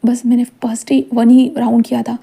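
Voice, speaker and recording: A domineering young boss who stays calm and teases, played by a woman storyteller. The voice is mellow and soft, sitting a little high. It is read casually, in the manner of a fan-fiction story. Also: a little fast, gravelly, slightly rough. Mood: cool teasing.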